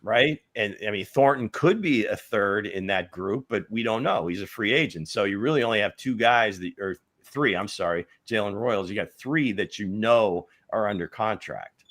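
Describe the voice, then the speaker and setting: Low-voiced man breaking down football prospects. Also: moderate pace, fairly bright tone. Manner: rambling, thinking aloud with restarts. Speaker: football analyst co-host. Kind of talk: casual sports talk.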